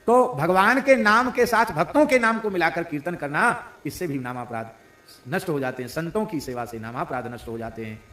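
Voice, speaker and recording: In an echoey room, a spiritual preacher delivers a devotional discourse, breaking into sung verses and chanting and building to emphatic declarations. His voice is a little high and sharp, with lively intonation at normal speed, and he playfully mimics regional pronunciations.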